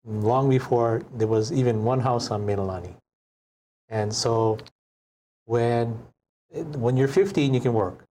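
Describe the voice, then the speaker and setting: A man in his sixties from Hawaii, a chef guest telling stories in an unhurried, reflective way in a studio interview. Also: medium pitch, dark tone, a little hiss or hum. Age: 60s. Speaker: chef and restaurant owner guest. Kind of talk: casual interview storytelling.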